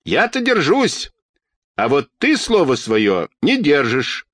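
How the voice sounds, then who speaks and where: A dignified, strong-willed old grandmother, put on by a man reading a storybook. She speaks high and shrill with a swinging, lively melody and sounds sure of her own dignity. The recording is close and dry. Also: slow pace, no room sound, heavily acted. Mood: calm. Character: brisk, dignified elderly grandmother.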